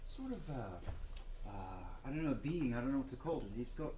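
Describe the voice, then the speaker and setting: A man's voice: medium pitch, sing-song, brisk, dark tone, slight background noise, poor audio. A man playing a tabletop game in character, hesitant with many fillers. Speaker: player.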